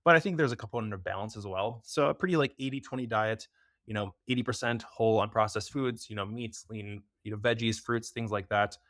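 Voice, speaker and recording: The speaker is a young man from the US, a podcast guest with expertise in preventative health, whose voice runs on the low side with a fairly bright tone. His talk is quick, loose, and packed with fillers, typical of a casual interview. It's a dry recording with clean studio sound.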